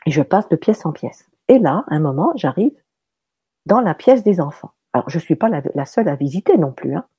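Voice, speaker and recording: A woman who trains mediums, telling a personal story in a casual, animated chat full of fillers and restarts. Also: low-pitched, a little fast, husky, dry recording. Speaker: medium teaching soul passage.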